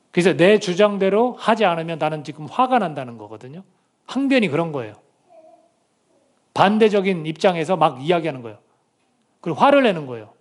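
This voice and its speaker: A man preaching a sermon as pastor. He asks the congregation questions, reads scripture aloud with them, and acts out quoted speech in dramatic bursts. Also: sits high.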